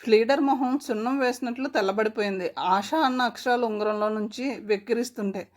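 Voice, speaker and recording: A woman's voice: a little high, brisk. A woman narrating a story aloud and reading every character's lines herself, with small changes of voice. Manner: reads every character in her own voice, with small shifts.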